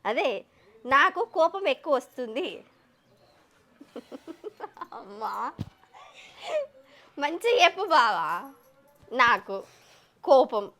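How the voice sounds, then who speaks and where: Woman, playful guessing, raised pitch, lively tone. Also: slow pace, long pauses. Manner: playful, repeats guesses aloud, laughs. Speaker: vlog host, guessing player. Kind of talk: casual family game chat.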